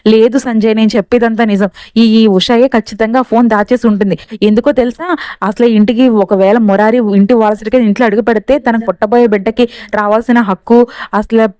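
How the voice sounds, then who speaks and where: A woman doing a shrill, insistent young wife. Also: fairly even intonation, brisk, warm tone, no echo, natural voice. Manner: insistent, repeating herself. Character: agitated young woman accusing her sister-in-law.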